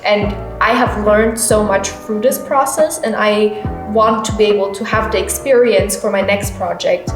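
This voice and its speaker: A woman's voice: medium pitch, normal speed, hardly any pauses. A woman in her twenties, a theater student, answering interview questions in a thoughtful, plain way. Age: 20s. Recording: echoey room with music behind.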